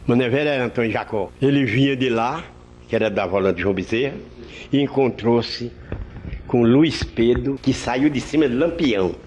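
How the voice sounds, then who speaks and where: A man adds details in a plain, matter-of-fact way, at an ordinary mid pitch. Faint ambient noise is heard behind him. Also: moderate pace, darkish tone. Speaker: interviewee. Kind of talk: storytelling recollection.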